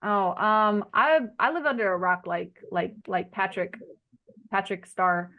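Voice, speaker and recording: A woman from Arkansas hosts an online group video call, speaking at a measured pace in a mid-range voice over phone-quality sound. Her accent blends Arkansas Southern with New Jersey as she chats casually and tells stories in folksy language.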